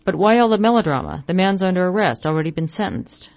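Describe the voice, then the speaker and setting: Reader putting on a fussy grumpy agent guy, higher and louder, whiny, kinda dull lo-fi sound. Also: very animated, fast, vocal fry. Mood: irritable. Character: irritable fussy male hotel agent.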